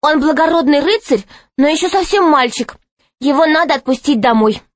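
A woman's voice: high-pitched, normal speed, no room sound, pitched above the performer's own voice, natural voice. A woman voicing a brave young girl who pleads earnestly in a storybook reading. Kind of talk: audiobook character voice.

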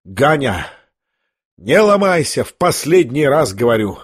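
A man's voice: mid-range voice, big pitch swings, a little slow, breathy edge. A man reading an audiobook voices a proud, reckless young woman who gives orders and defies everyone. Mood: commanding. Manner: imperious, defiant.

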